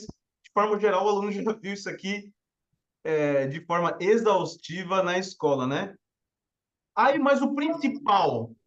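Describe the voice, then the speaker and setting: A man's voice: high voice, a bit bright, muffled recording. A man with a Brazilian Portuguese accent teaching English in a live online lesson, explaining step by step and often checking in with his listeners.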